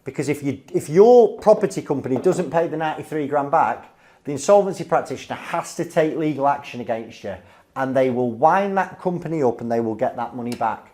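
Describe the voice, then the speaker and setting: An insolvency adviser from Northern England tells business anecdotes informally, blunt and emphatic, frequently checking in with "okay?" or "right?". His mid-range voice is mellow, a little fast, with lively intonation.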